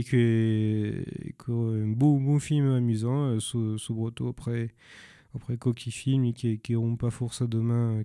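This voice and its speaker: A man recommending films in a second language, halting and searching for words as he goes. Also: mid-range voice, mellow, smooth, dry recording, studio quality. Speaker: film presenter. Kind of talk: informal spoken film recommendations.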